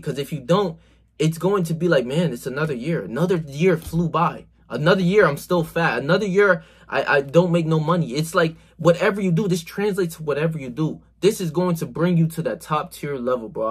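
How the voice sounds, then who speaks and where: A man in his 20s, about to turn twenty-one, gives a slangy, emphatic motivational talk to his phone camera in a small bedroom, swearing a lot, saying "bro," and gesturing constantly. A self-improvement vlogger, he speaks fairly quickly in a slightly high, husky voice.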